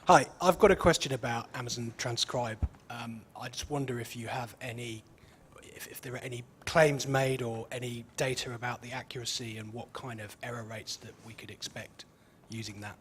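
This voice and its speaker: A man's voice: medium pitch, steady tone, normal speed, a bit bright, husky. A man in the audience asking a question, hesitant and restarting his phrases. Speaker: audience member.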